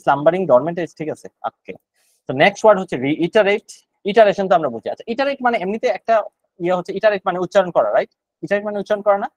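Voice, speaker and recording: A man's voice: on the high side, dry recording, highs cut off. A man with a Bangladeshi accent leading a casual online vocabulary lesson, thinking aloud and searching for words. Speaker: vocabulary session leader.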